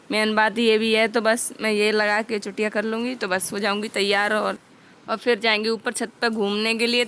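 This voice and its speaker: A woman's voice: a little high, fairly bright tone, clear, resonant tone. Chatty homely woman vlogger. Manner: chatty, homely, addresses viewers directly. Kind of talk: casual vlog narration. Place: home.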